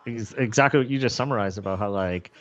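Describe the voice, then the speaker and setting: A man co-hosting a podcast in casual chat, relaxed with dry humor. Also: on the low side, fast. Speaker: podcast co-host. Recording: dull lo-fi mic.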